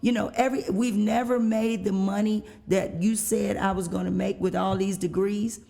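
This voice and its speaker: A woman's voice: medium pitch, steady tone, normal speed, creaky, mellow. A middle-aged woman hosting a casual interview, reflective and building on her guest's points. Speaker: podcast host.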